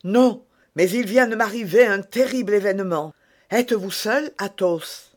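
A man's voice: high voice, unhurried, pitched above the performer's own voice. A man voicing an earnest, shaken young male swordsman in a story reading. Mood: urgent.

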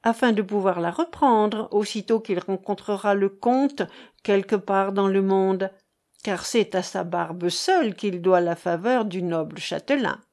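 A woman's voice: mid-range voice, measured pace, darkish tone, natural voice. A woman reading the part of a witty, teasing young actress making light fun of a count, in a storybook narration. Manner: teasing, mocking.

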